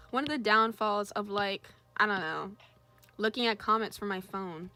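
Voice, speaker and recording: A woman's voice: mid-range voice, a little slow, bright, forceful tone, faint music behind. A young woman chatting casually on a drawing livestream, reading chat aloud and greeting viewers. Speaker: streamer.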